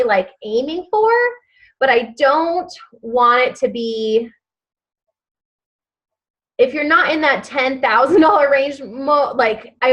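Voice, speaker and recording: A woman with a fairly high voice hosts a live online training for her sales team. She talks in an easy, unhurried, chatty way, full of fillers. She walks everyone through each task step by step and repeats the key phrases. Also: a bit bright, rough recording. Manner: chatty and upbeat, many fillers. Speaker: direct-sales team leader.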